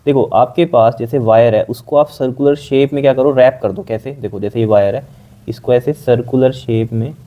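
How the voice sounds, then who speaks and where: A man teaching a science lesson, explaining step by step, often checking that students follow, and dictating definitions slowly. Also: mid-range voice, muffled recording. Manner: repetitive, checks understanding with frequent "okay?".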